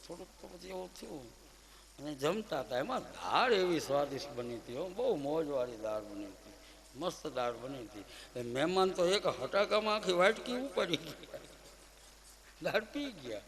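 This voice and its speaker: Man, religious storyteller, lively delivery, high voice, long hall reverb. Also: normal speed. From Gujarat. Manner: lively storytelling, acts out characters, loud swings. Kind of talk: devotional story sermon.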